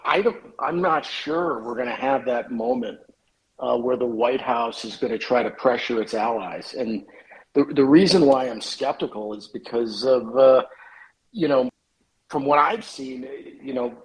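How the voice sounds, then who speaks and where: A man from the US West Coast calling in to a discussion, giving a measured, thoughtful comment. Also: mid-range voice, rough recording. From west coast of the United States. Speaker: caller. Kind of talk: casual call-in comment.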